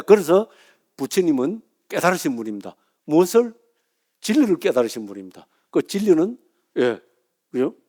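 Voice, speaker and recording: A man's voice: fairly high pitch, dark tone. A middle-aged man, a Buddhist monk giving a lecture in a chatty way, often asking his listeners "right?" and laughing at himself.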